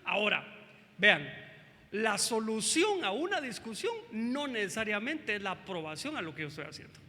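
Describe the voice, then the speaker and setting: A man preaching as pastor at a family church service, emphatic and animated, addressing the congregation with questions. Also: sits high, normal speed, long reverb tail, slight background noise.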